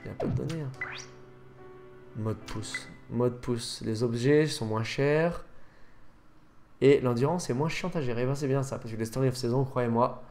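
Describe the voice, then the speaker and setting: A man's voice: mid-range voice, darkish tone. Rambling guy testing games. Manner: rambling, self-correcting, fillers. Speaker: gaming youtuber. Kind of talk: casual gameplay commentary.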